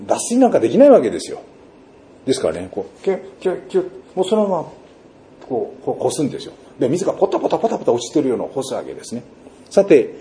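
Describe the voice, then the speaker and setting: Mellow-voiced man preaching with lively storytelling. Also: medium pitch. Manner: storytelling with vivid sound words and rhetorical questions. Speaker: pastor. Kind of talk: sermon.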